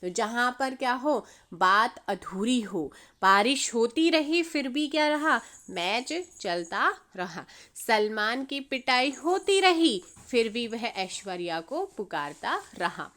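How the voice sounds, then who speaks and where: A woman's voice: fairly high pitch, big pitch swings, takes it slowly, fairly bright tone. A woman teaching an exam-prep grammar lesson, mixing in English words and quizzing viewers with questions she answers herself. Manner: repeats her own questions and answers them, quizzing viewers; mixes English words into her speech.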